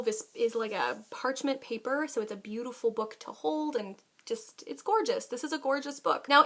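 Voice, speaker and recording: A woman's voice: high-pitched, pushed and bright. A woman talking casually and enthusiastically to her viewers as a book vlogger, with emphatic delivery. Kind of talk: casual book haul chat to camera.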